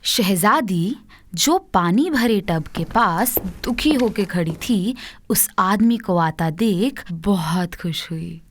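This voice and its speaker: Unhurried woman narrating a story. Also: mid-range voice, expressive. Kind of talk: scripted narration.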